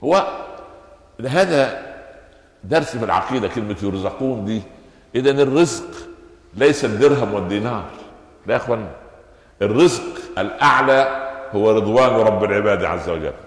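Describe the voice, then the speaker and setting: A man preaching a Friday sermon in an Egyptian accent. He asks rhetorical questions and answers them himself, rising to loud peaks and dropping to soft asides. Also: lowish voice, animated, fairly quick, long pauses. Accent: Egyptian Arabic. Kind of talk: Friday sermon, Quran commentary. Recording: echoey hall with long reverb.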